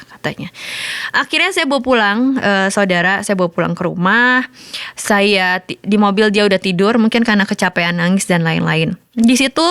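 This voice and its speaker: Woman pastor in her 30s, smooth clear voice, chatty storytelling sermon, dry close sound. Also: mid-range voice, dry recording. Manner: storytelling with lively colloquial asides. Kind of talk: sermon testimony.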